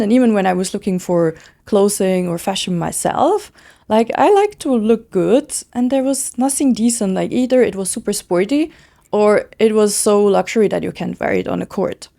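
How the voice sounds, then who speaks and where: A woman in her thirties from Switzerland, chatting in an interview as a founder, eager and quick with lots of casual fillers. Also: medium pitch, gravelly, dark tone. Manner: fast, enthusiastic, many "like" fillers. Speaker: guest, brand founder.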